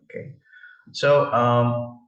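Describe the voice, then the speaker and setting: A man's voice: mid-range voice, little pitch movement, extremely slow, fairly bright tone, far from the mic. A man from India, a travel vlogger, talking hesitantly with many fillers over a slideshow, face not shown. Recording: roomy, dull lo-fi sound.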